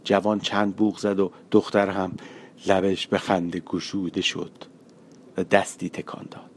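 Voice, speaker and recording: A man narrating a short story for an audiobook in a measured, colloquial storytelling manner. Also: low voice, flat delivery, a little hiss or hum.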